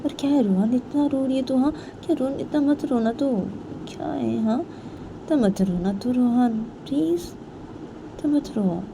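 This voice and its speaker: A woman voicing an insistent young woman friend who speaks high and emphatic, over vehicle noise. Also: lively intonation, quick pace, hardly any pauses, natural voice. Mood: worried.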